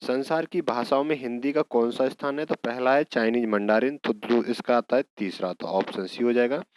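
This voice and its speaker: A man's voice: medium pitch, moderate pace, slight background noise, rough recording. A man teaching an exam prep lesson, working through each question step by step and answering his own prompts.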